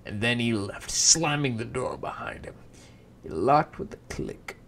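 Young guy reading a bedtime story slow, gravelly voice, swings up and down a lot, cusses when he flubs. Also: medium pitch, big pitch swings, fairly bright tone. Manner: unpolished, breaks off to swear and laugh at himself.

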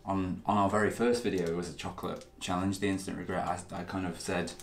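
A man's voice: sits low, flat delivery, quick pace, echoey room. A man hosting a casual spicy food challenge video, chatting in a self-deprecating way while he eats. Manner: chatty, self-deprecating, talks with mouth full. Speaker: channel host. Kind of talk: casual chat while eating.

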